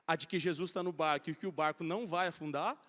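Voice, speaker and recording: Middle-aged male pastor, fairly high voice, lively storytelling sermon, long church-hall reverb. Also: fast talker. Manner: storytelling, animated, acting out quoted voices.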